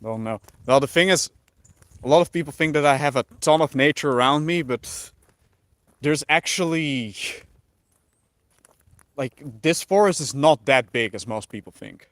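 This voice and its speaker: A Dutchman with a light accent chats casually on a livestream, reading viewers' questions aloud and musing over his answers. His voice sits a little high at a normal speed, broken by long pauses, with no echo.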